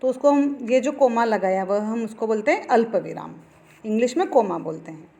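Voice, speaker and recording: A woman teaching a grammar lesson to children, slowly explaining each point with examples and checking that they understand. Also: fairly high pitch, lively intonation, mellow. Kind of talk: classroom lesson. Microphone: phone voice recorder.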